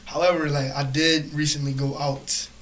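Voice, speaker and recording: A young man with a fairly high voice chats casually as a podcast co-host. He talks in loose, slangy bro style with lots of "like", over some background noise. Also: level tone, moderate pace, fairly bright tone. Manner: slangy bro talk, frequent "bro" and "like". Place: studio.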